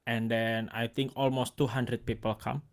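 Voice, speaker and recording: A man with an Indonesian accent talks in a relaxed conversational interview. His speech comes in short, stop-start pieces, often restarting words and leaning on fillers. His voice sits at an ordinary middle pitch for a man. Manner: halting, restarts words, many likes and fillers. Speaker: host and photographer.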